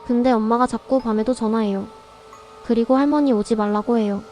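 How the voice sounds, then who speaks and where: A small, candid little girl in a storybook audio drama, as a woman puts her on, answering in short, simple, guileless phrases. Her voice sits a touch high, with a mellow, soft tone and a timbre set apart from the narrator's usual voice. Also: fairly even intonation, a little fast, soft background music, natural voice. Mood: innocent. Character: small young granddaughter, innocent and candid.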